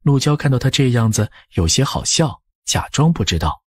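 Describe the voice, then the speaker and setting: Reading a period tale from a script, this male narrator has a husky, mid-range voice with a sing-song lilt and widely varying intonation. He speaks at normal speed, recorded close, dry and without echo.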